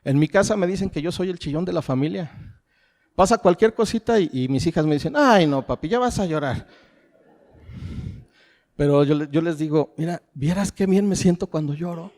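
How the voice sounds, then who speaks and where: Speaking fairly quickly in a warm, fairly high voice, a middle-aged Mexican-accented pastor delivers a sermon in a space with long hall reverb. He keeps asking his listeners rhetorical questions and calls them family.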